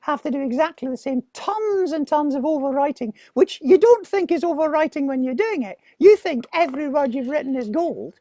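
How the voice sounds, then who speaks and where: A man voicing a goofy, chatty Scottish sock puppet comedian in a muffled falsetto, in casual interview chat. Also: animated, brisk, hardly any pauses, dark tone, no echo, clean studio sound. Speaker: guest comedian.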